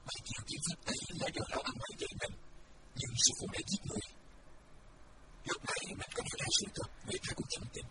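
A man voicing a young male martial disciple, earnest and guilt-ridden, speaking in a hushed, brooding way. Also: very high voice, fast, voice pushed up. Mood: anguished. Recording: distant mic, loud background noise.

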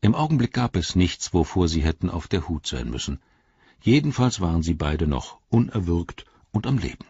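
A male audiobook narrator with a very low, deeply husky voice tells the story in a calm, measured way. The recording is dry, close and slightly muffled. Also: no echo. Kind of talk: scripted narration.

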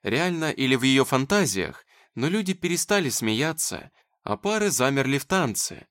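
Expressive male audiobook narrator. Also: mid-range voice, moderate pace.

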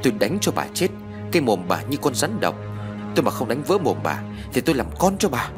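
A man voicing a furious young mother who shouts threats at an old woman. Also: medium pitch, huge pitch swings, brisk, music in the background. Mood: raging.

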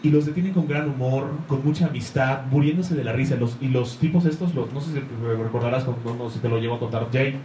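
A man's voice: medium pitch, quick pace, few pauses, dark tone. A man giving an enthusiastic talk about comics to a live audience, rambling and searching for words. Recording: echoey room, faint noise.

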